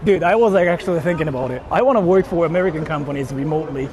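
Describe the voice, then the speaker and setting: A young Japanese-accented man from Japan talks rapid-fire in a fairly high voice while live-streaming outdoors on a busy street at night. He answers viewer comments informally, repeats himself and swears freely over traffic, crowd and street noise.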